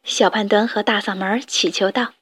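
A woman storyteller reading a children's story aloud in a gentle, expressive way. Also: mid-range voice, normal speed, slightly rough, dry recording.

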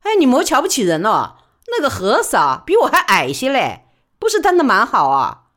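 A spirited, stubborn working woman talks fast and bright in a Wuhan dialect, as a woman storyteller voices her. Her pitch rises and falls with strong emphasis. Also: huge pitch swings. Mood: determined.

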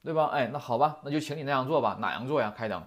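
Rapid-fire and expressive, a medium-pitched voice belongs to a language teacher explaining a lesson in class. Example sentences are read out and broken down, and nearly every point ends with "right?" to check understanding.

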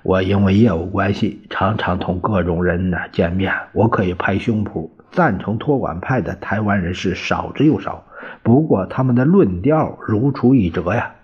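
A man's voice: sits low, moderate pace, breathy edge. A man voicing an indignant, exasperated male newspaperman, on a dull lo-fi recording.

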